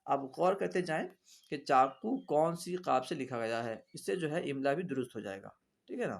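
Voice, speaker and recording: A man's voice: fairly high pitch, expressive, moderate pace, vocal fry. A man teaching reading, spelling out letters and vowel marks one by one and repeating each word aloud for his students in a patient, instructive way. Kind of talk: classroom reading lesson.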